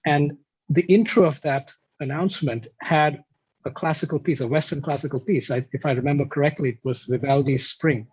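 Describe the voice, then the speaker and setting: A man from Kuwait talks reflectively as an interview guest, explaining his ideas step by step. His slightly high voice is husky. The sound is dull and lo-fi, like call audio. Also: brisk, a little mellow. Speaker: guest musician. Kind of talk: conversational interview.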